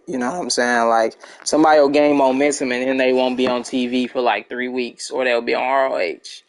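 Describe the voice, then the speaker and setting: A man's voice: mid-range voice, low-quality recording. A young man chatting casually and rambling to his viewers while streaming a game. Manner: laid-back, rambling, talks to chat. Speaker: gaming streamer. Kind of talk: casual gameplay chat with viewers.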